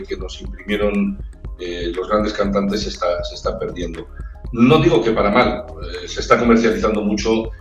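This Castilian-accented Spaniard, an opera-trained ranchera singer, speaks in a fairly low voice as a casual interview guest, often repeating words while gathering his thoughts. The sound is roomy and distant, like a video call with the mic set away from him. He's indoors by a brick wall, and the echoey room carries faint music.

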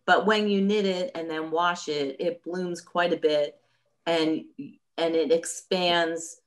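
A woman running a yarn business, explaining things in a casual chat over a video call, slow and thoughtful, with many pauses and restarts. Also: on the low side. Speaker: yarn company owner hosting a subscription chat.

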